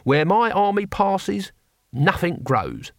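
A man voicing an old, blunt male barbarian hero who talks gruffly and cheerfully. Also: high-pitched, big pitch swings, takes it slowly, no echo, studio quality, voice pushed up, heavily acted. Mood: boastful.

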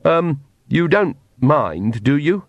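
A sharp-tongued old witch gives her orders plainly and without fuss, voiced by a male narrator. Her lines sit higher than the narrator's own voice and are delivered with dry authority. The recording is close and without room sound. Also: big pitch swings, slow, no echo, heavily acted. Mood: blunt. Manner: blunt, matter-of-fact. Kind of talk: audiobook character voice.

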